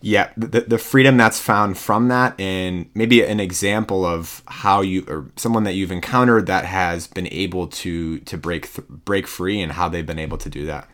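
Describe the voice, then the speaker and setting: A man's voice: sits low, fairly even intonation, normal speed, hardly any pauses, a bit bright. A man hosting an interview, asking long questions in a hesitant way with many fillers. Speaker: podcast host.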